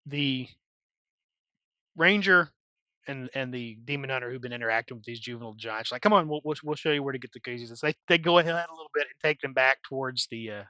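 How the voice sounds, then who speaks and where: A man's voice: medium pitch, bright, forceful tone, no echo. A man acting as game master, recapping a tabletop game session in a rambling, conversational way.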